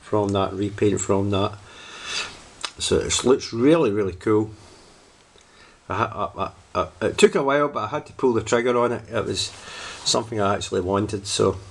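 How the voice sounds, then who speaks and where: A man's voice: lowish voice, creaky. A man casually reviewing a toy, rambling and hesitant, often repeating himself as he goes.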